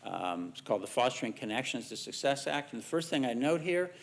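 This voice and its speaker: A middle-aged American man, a researcher giving a conference talk, measured in tone with dry asides. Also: medium pitch, very animated, creaky. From United States. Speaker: researcher presenting findings.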